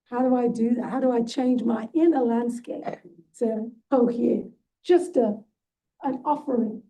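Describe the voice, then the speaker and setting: High-voiced woman coaching a workshop. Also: unhurried, dark tone, far from the mic, poor audio. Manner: coaching, encouraging, rhetorical "right?". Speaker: workshop leader and guest speaker. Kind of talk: guiding a movement workshop. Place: event hall.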